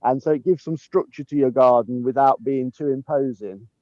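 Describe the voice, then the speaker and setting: A man's voice: mid-range voice, normal speed, no room sound, muffled recording. A man, the head gardener, chatting casually outdoors in a sunny garden as he films on a handheld phone, chuckling often between ums. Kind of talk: casual garden tour chat. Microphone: handheld phone camera while walking.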